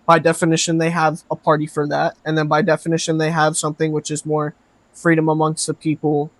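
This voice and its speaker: A man's voice: fairly high pitch, completely flat delivery, a little fast, no echo. A man hosting a casual podcast, rambling through ideas and swearing freely as he talks with friends. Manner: rambling, swears freely, says bro a lot. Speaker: podcast host.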